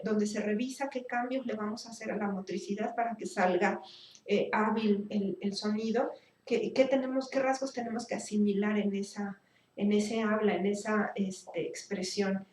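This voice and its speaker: A woman teaching a speech therapy class, explaining slowly and thinking aloud with fillers and restarts. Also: medium pitch, fairly even intonation, a little mellow, slight background noise. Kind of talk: recorded class lecture. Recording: echoey room, voice from a distance.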